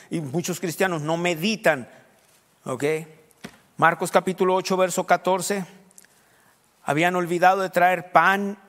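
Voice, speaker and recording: A man's voice: high voice, a bit bright, in a large hall. A man preaching a sermon in a conversational way, often quizzing his listeners with questions.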